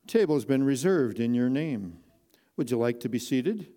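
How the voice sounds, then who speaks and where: A man's voice: medium pitch, lively intonation, normal speed, dark tone, lightly acted. A man voicing a polite, smiling restaurant host in a spoken story, courteous and formal.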